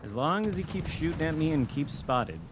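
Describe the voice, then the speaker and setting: Over the noisy rattle of video game gunfire and artillery, a U.S. man with a Michigan accent narrates his stream live. He sounds high-pitched and sing-song, fairly quick, and dry and casual with the odd curse.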